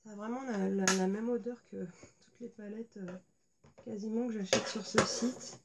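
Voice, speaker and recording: A woman's voice: mid-range voice, steady tone, normal speed, background noise. A woman chatting casually as she unboxes and shows makeup at home, talking with many hesitations and fillers. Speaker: beauty vlogger. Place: indoors at home.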